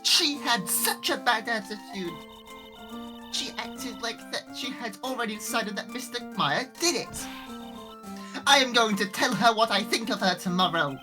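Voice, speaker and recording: A woman voicing a polite, earnest eight-year-old girl in a fan voice-over of a game, with soft background music. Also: fairly high pitch, expressive, moderate pace, voice pushed up, close to an everyday voice. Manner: innocent, formal, polite.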